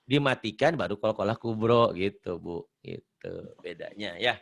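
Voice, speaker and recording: An animated man tutors tajwid over an online call, his pitch swinging widely as he jokes and questions. He chants short verses in between and circles back over his points with good humor. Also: normal speed, gravelly. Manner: joking, animated, repeats himself, sings recited verses. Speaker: Quran recitation teacher. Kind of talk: casual online tajwid lesson.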